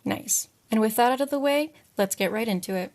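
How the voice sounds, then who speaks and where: A woman co-hosting a podcast, chatting briskly and reading stage directions plainly. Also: on the high side, darkish tone. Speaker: podcast co-host. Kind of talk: podcast chat and script reading.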